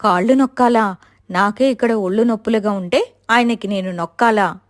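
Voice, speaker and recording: A woman's voice: medium pitch, normal speed, lightly acted. A pleading young wife, voiced by a woman. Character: pampered young wife, frightened and tearful.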